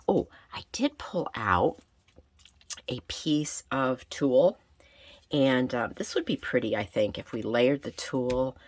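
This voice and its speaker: A woman with a gravelly, raspy whiskey voice, roughened by a recent illness, hosting a casual craft tutorial and chatting as she thinks aloud. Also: a bass voice. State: getting over a recent illness. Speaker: craft channel host.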